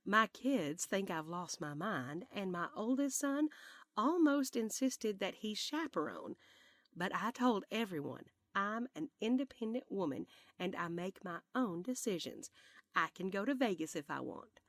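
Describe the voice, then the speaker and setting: A woman voicing a spirited, sweet elderly grandmother with a Southern accent, speaking in a lively, drawn-out, sing-song way. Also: medium pitch, no room sound, clean studio sound, heavily acted. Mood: cheerful. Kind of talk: audiobook character voice.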